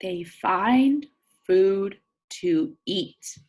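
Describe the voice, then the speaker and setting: A woman reads nonfiction aloud in a young children's teacher style, deliberate and expressive. Her mid-range voice has a breathy edge, and she often asks listeners questions while talking through simple explanations.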